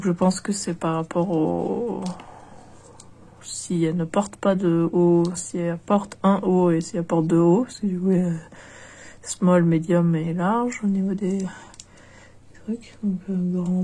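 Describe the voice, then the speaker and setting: Her voice is lowish, steady, mellow and slightly rough, a little slow as this young woman with a cold chats through a doll unboxing. Nasal and stuffy, she's hesitant, with many fillers and restarts, in a casual commentary style.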